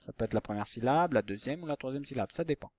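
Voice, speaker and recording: A male teacher talks young pupils through a phonics lesson, slowly and patiently, stressing each example word. His voice sits at a middle pitch. The recording is dry and close, with no room echo. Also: lively intonation, darkish tone.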